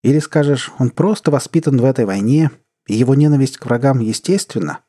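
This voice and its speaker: A man's voice: lowish voice, expressive, moderate pace, mellow, husky. A man voicing a weary middle-aged king and stern, worried father in a read-aloud story. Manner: heavy, stern, bitter.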